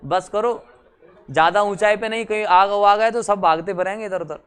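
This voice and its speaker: Brief: young male teacher, smooth resonant tone, teasing classroom chat, quizzes the class. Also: high voice, normal speed. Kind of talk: exam-prep lecture.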